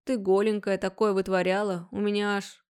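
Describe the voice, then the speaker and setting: A woman's voice: mid-range voice, flat delivery, darkish tone, smooth, lightly acted. A woman voicing a cheeky, teasing young man who grumbles and jokes in a storybook reading. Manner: mischievous, grumbling, unhurried.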